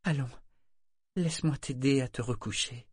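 A young woman speaks with soft, remorseful tenderness, her voice lifted higher than the reader's own, as a man narrating a story puts her on. It stays quiet and intimate throughout, a storybook reading. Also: moderate pace, slightly rough, no echo, clean studio sound, lightly acted. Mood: remorseful tender.

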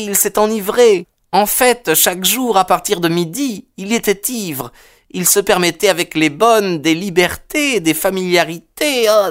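A reader voicing an anxious, earnest middle-aged widowed landlady who pleads and sighs in a raised pitch. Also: close to an everyday voice. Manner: high, earnest and agitated, sighing.

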